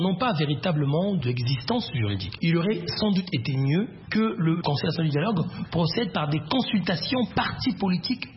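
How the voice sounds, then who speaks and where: High, lively male academic. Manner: analytical, lively, hesitant at times. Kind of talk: interview clip. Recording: muffled audio with faint noise.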